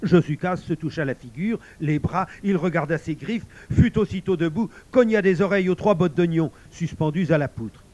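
Male storyteller, unhurried and dramatic, slightly raised pitch; muffled lo-fi recording. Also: darkish tone, slight background noise. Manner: slow, dramatic reading. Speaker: narrator. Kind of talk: storybook narration. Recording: dull lo-fi recording.

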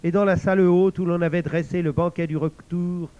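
A man narrating a fairy tale in a slow, measured way. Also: sits high, steady tone, mellow, smooth. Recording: slightly muffled recording.

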